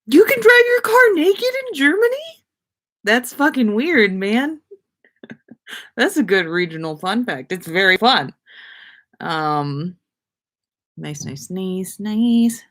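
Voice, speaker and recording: With a slightly high, sing-song, fairly bright voice, a woman hosts a casual livestream and reads out viewer comments. She goes slowly and pauses often, keeping her podcast-host banter slangy, informal, and a bit sweary.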